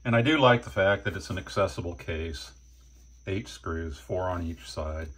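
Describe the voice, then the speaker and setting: A man's voice: low voice, normal speed, slightly rough. An older man casually reviewing batteries at an indoor workbench, speaking plainly and filling his talk with fillers. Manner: relaxed, plain-spoken, with fillers. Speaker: channel host reviewing batteries. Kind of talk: casual hands-on product review.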